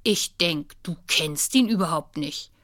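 A woman reading a children's story, voicing a bossy, outspoken schoolgirl who talks strictly and loudly. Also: low voice, a little slow, no room sound, clean studio sound. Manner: strict, loud.

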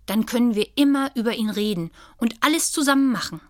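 A woman's voice: a little high, animated, a little fast, no room sound, clean studio sound, voice pushed up, natural voice. A woman reading a children's story, voicing a shy, hesitant schoolgirl with a cautious, tentative manner.

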